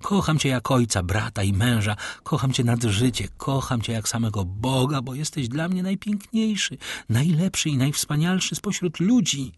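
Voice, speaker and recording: A man voicing a tender, devoted young woman in a read-aloud novel, soft and pleading. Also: medium pitch, big pitch swings, unhurried, husky, dry recording, studio quality. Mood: loving.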